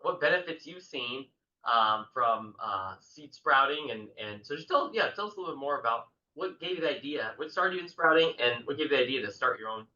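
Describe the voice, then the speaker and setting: Bright-voiced hesitant male interviewer. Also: medium pitch, expressive, brisk. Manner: hesitant, many fillers. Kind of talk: casual interview questions. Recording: dull echoey room audio.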